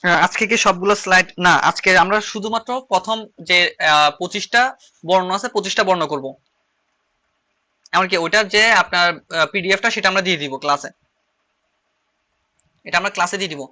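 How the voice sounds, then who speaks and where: A man with a Chittagong Bengali accent leads an online shorthand lesson in a high, fast voice. His tone is strikingly bright and sharp, and he repeats key phrases over and over as he writes them out. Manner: repeats phrases while writing on slides. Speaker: shorthand teacher. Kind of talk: online class lecture.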